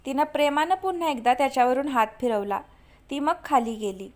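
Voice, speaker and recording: A woman reading a story aloud in a steady, measured way. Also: sits high. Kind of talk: scripted narration.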